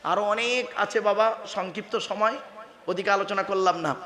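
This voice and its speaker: High, bright-voiced male preacher. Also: normal speed, echoey room. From West Bengal, India. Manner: calls on the crowd to answer, mixes in English words, jokes about mispronunciation. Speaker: Islamic preacher. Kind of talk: waz sermon to a crowd.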